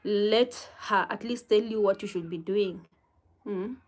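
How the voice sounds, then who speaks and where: A woman speaking with a Kenyan accent, in a mid-range voice, hosts a laid-back livestream. She works through viewer comments, laughing softly and offering calm, gentle advice without rushing.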